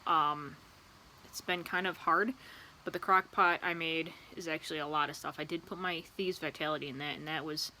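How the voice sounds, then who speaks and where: Low-voiced woman chatting outdoors near street traffic. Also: fairly even intonation, moderate pace, bright, forceful tone. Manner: easily distracted, drifting between asides. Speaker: vlogger. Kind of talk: casual rambling chat to camera. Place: outdoors in a yard beside a loud street. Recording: outdoor traffic and ambient noise. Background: passing vehicles and outdoor ambience.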